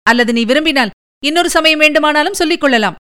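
A woman's voice: high voice, expressive, pushed and bright. A woman reading the part of a composed royal princess in an audiobook, speaking firmly and with dignity. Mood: dignified. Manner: dignified, firm, measured.

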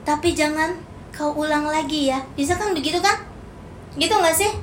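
A woman's voice: high-pitched, moderate pace, reverberant, slight background noise. A woman preacher, giving a playful sermon and acting out the lines she quotes. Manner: playful, acts out quoted lines, teases the congregation. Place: church hall.

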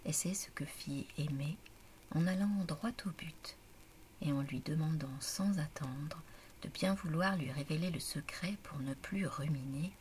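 A woman reading a story aloud in a hushed, slow whispered storytelling narration. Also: sits low, slight background noise.

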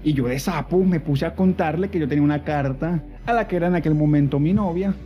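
High-voiced man telling a funny story. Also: fast, highs cut off, soft background music. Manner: humorous storytelling with playful voices. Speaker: podcast co-host.

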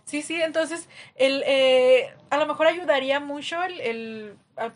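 A woman's voice: high voice, unhurried. A woman with a Mexican accent in a casual podcast chat, thinking aloud with a lot of hesitation. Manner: hesitant, many fillers and restarts.

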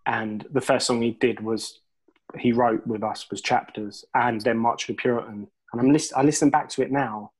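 A man's voice: medium pitch, steady tone, normal speed, a little mellow, slightly rough, low-quality recording. Man, guest musician, rambling casual storyteller, swears and laughs a lot.

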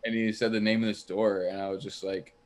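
A young man with a fairly low voice chats on a podcast. He spins a long, mock-boastful story about himself with a straight face. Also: level tone, brisk. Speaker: podcast co-host. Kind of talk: casual podcast chat.

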